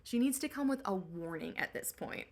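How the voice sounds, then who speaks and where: A woman's voice: mid-range voice, animated, normal speed. A young woman hosting a comedic book recap, talking in sarcastic slang. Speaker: host.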